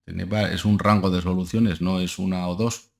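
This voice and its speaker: A young man from Spain, a stock market analyst who hosts his own channel, rambles through charts in a casual screen-share analysis from a room at home. His low voice is level, creaky and a little mellow at a normal speed, and he peppers his talk with tags like ¿eh? and ¿vale?.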